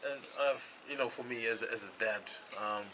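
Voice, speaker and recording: A man's voice: medium pitch, fairly even intonation, brisk. A man from Fiji, a worship leader, talking casually about faith and family, often agreeing with "that's it". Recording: noticeable background noise.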